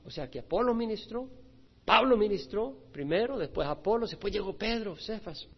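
Male pastor, high voice, lively sermon delivery that swings loud and soft, dull lo-fi sound. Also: moderate pace, husky. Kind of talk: expository sermon. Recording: dull lo-fi recording.

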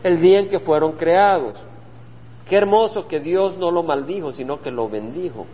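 Male pastor, high voice, earnest Bible teaching, repeats phrases; lo-fi hall recording with faint hum. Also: moderate pace. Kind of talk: Bible study sermon. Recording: dull lo-fi sound with hall reverb and faint hum.

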